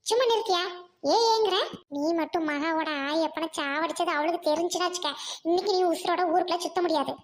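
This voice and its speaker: A woman's voice: very high voice, level tone, fast. A woman playing a fierce village wife who scolds and accuses her scheming husband. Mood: angry. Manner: scolding, accusing, sharp retorts. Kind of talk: amateur family drama acting.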